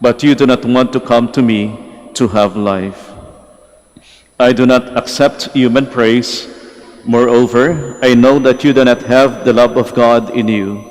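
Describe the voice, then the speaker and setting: A man reads scripture aloud as a priest, unhurried and deliberate, each phrase set apart with care. His voice rings through a long cathedral echo that hangs after every line, the sound of a large church at Mass. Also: mid-range voice. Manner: slow, measured, solemn delivery. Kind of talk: liturgical gospel reading.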